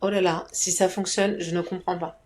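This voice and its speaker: A woman's voice: fairly low pitch, little pitch movement, moderate pace. A woman co-hosting a podcast in casual chat. She is playful and laughs often. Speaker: podcast co-host.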